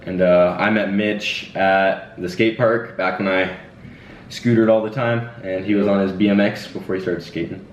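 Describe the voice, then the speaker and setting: Low, flat-voiced young man in an echoey room. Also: normal speed, a little hiss or hum. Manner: laid-back, rambling with fillers. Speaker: channel host. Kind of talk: casual Q&A chat. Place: indoors at home. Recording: echoey room, distant dull mic.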